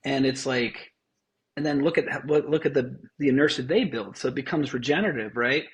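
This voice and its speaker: Brisk and mid-range, this man is a guest being interviewed about the festival he founded. His talk is casual and energetic, sprinkled with the odd swear word and sentences he starts over.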